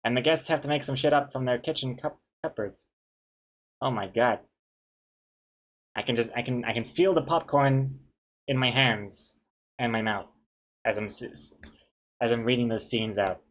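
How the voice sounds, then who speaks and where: Guy streamer rambling casually, playful, easily amused, mid pitch, says w for r. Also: normal speed, long pauses. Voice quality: cannot pronounce R properly, says w for r. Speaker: comic artist and streamer. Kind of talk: casual livestream chat while drawing.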